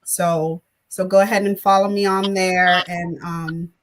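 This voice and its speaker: A woman's voice: lowish voice, level tone, a little slow. A woman from Ghana, a panel guest who runs wellness retreats, speaking with many hesitant "um"s. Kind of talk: panel talk show discussion.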